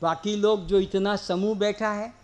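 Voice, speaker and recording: A man's voice: high voice, fairly even intonation. A man delivering a spiritual discourse to a seated audience, explaining through rhetorical questions and simple everyday examples. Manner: leads slow drawn-out chanting. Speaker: spiritual teacher.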